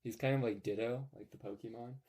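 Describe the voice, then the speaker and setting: Young man, mellow podcast host. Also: mid-range voice, fairly even intonation, fast talker, husky. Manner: rambling, upbeat, lots of fillers. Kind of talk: casual podcast chat.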